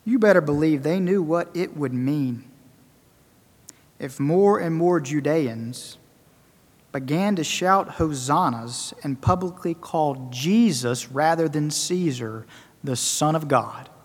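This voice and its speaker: A man preaching a sermon, emphatic and rhetorical, repeating phrases for effect and swinging between loud and soft. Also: fairly high pitch, slow pace. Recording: long reverberant hall.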